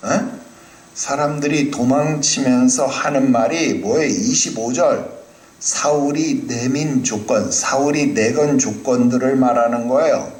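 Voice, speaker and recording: Animated male preacher in an echoey hall. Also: mid-range voice, a little slow. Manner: animated, asks the congregation questions. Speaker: pastor. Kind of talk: sermon. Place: church hall.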